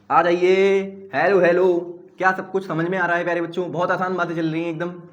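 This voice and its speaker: A male maths teacher giving an online lecture. He repeats key terms, has the class call them back, acts out students' questions himself, and clears his throat often. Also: sits high, dull audio. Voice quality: some English terms mixed in. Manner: voices students' questions himself and answers them, calls learners "dear children".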